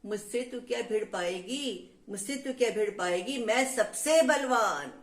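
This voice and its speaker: A woman's voice: on the high side, expressive, measured pace. A woman reciting as a boastful elephant. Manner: sing-song rhyming verse recitation. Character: big boastful male elephant. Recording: roomy echo.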